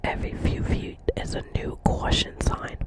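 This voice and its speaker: Speaking in a whisper at normal speed, the performer takes on the role of a dreamy, talkative receptionist at a doctor's office with a New Jersey accent. She rambles in earnest, repeats phrases, and keeps asking how the listener is doing.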